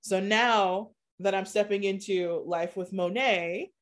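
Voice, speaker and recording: A woman speaking as a podcast guest in a casual, animated way, laughing often and slowing down for emphasis. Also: medium pitch. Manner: animated, laughs often, shifts between quick and slow emphatic phrasing. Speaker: podcast guest, content creator. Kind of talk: casual conversational interview.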